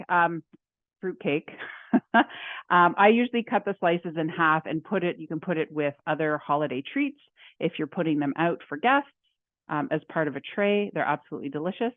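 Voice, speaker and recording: A woman's voice: low-pitched, dry recording. A woman home economist giving a chatty cooking demonstration, talking through each step as she works. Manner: chatty, laughs often, talks through her steps. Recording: dry tinny phone-like audio.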